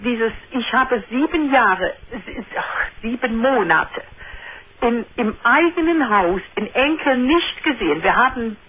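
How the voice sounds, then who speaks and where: A woman's voice: a little high, expressive, husky. Older woman caller on a muffled phone line. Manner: rambling, halting restarts, hurt. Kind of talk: telling a personal story on a call-in show. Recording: muffled telephone line on radio.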